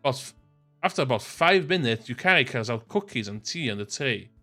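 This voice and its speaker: A man's voice: medium pitch, expressive, brisk, bright, forceful tone, faint music behind. A man with a North Wales accent reading a visual novel aloud, mixing in casual, jokey banter. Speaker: gaming video host.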